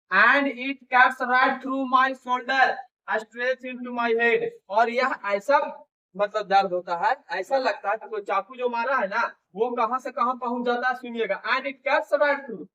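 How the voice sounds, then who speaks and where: A man teaching an English lesson, reading English lines slowly and loudly, then explaining them in casual Hindi. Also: high-pitched, recorded from a distance, highs cut off.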